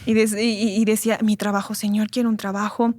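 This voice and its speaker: A young woman giving an earnest, emotional personal testimony as an interview guest, speaking haltingly and often repeating words. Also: medium pitch, flat delivery, darkish tone, dry recording. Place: church recording studio.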